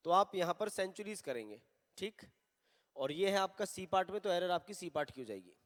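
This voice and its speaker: High-voiced man teaching grammar. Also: big pitch swings, a bit bright, big-room sound. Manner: mixes Hindi and English, reads examples slowly. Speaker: English teacher. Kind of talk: recorded online grammar lesson.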